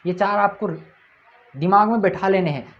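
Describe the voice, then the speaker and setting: A man's voice: high-pitched, normal speed, muffled recording. A man teaching a grammar lesson at a board. He keeps asking his own questions, answers them, and repeats each point.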